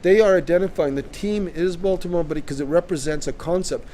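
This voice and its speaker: A man's voice: high voice, fairly quick, mellow, slight background noise. A Canadian man in casual discussion, arguing his point emphatically and often checking in with "right?". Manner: emphatic, interjects with repeated "right?". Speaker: co-host.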